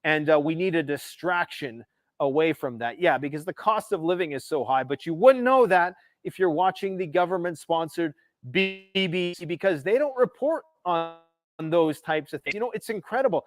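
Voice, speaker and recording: A man's voice: on the high side, lively intonation, normal speed, no echo, soft background music. A Canadian man hosting a political livestream, ranting emphatically and sarcastically about world events. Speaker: livestream host.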